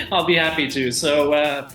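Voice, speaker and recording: A man's voice: a little high, echoey room. A man in his forties from Denmark with a Danish accent, a winemaker guest talking casually with many fillers over a video call. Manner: relaxed, hesitant with many uh fillers. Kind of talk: casual interview chat.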